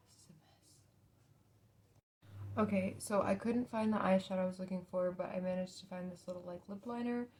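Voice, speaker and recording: A woman's voice: on the low side, fairly even intonation, fast talker, hardly any pauses, darkish tone. A young woman giving a casual, chatty makeup tutorial, informal and apologetic as she thinks aloud, talking with a mouth still recovering from wisdom teeth removal.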